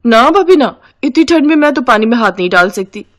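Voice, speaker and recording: A woman's voice: fairly high pitch, expressive, a little fast, pitched above the performer's own voice, natural voice. Woman doing a whiny spoiled young girl. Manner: whiny, loud. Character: lazy spoiled young sister-in-law.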